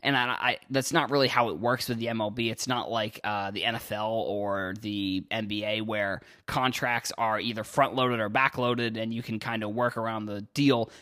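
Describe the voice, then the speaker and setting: On his casual solo sports podcast, the young host from Cape Cod, Massachusetts rambles, stumbles and keeps restarting sentences. His voice runs on the low side, steady and sharp, at a normal speed with hardly any pauses.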